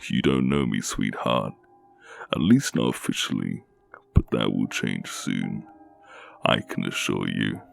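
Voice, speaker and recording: A man voicing a young male kidnapper in a scary story, with a low, haunting voice and a slow, teasing, falsely sweet manner. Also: animated, gravelly, faint music behind, full character voice. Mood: smug.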